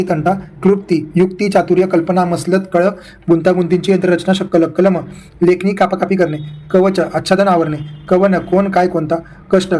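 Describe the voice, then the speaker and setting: A man reading out a vocabulary list for exam preparation in rapid pairs and short runs. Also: high voice, a little mellow. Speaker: exam-prep teacher.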